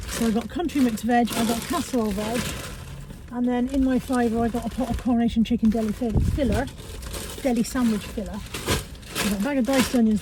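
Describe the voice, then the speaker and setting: A British vlogger with a slightly high voice chats casually from her car, sounding congested as a cold comes on. She speaks British English and tends to tag questions onto her remarks, with background noise audible.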